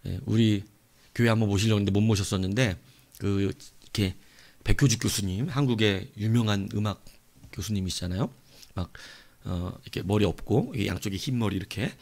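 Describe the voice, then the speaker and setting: A male pastor preaching a sermon, telling a story with animated swings between loud outbursts and soft asides. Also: lowish voice, a little fast, vocal fry.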